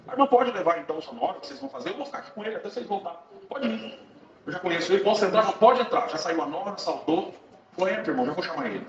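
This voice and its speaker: Fervent Brazilian man testifying in church. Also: a little high. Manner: fervent, repeats praise phrases. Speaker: church member giving testimony. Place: large church hall. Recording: echoey church, distant lo-fi mic. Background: congregation responding.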